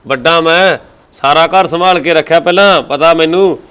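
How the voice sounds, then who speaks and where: An actor playing a complaining bachelor uncle in a Punjabi village family drama, speaking with a Punjabi accent. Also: male voice, fairly high pitch, moderate pace, fairly bright tone, smooth, natural voice. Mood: quarrelsome. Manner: complaining, self-pitying.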